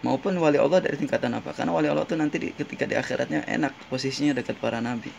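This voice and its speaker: Gravelly-voiced man preaching casually. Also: mid-range voice, rapid-fire, darkish tone, slight background noise. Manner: conversational, often asks "right?" of listeners; recites Arabic hadith then translates. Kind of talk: casual Islamic sermon. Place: in Jeddah.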